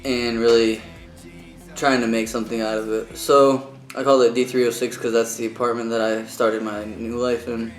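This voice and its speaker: A man's voice: mid-range voice, flat delivery, moderate pace, soft background music. Casual male musician in an echoey room. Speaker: musician being interviewed. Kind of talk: casual interview chat.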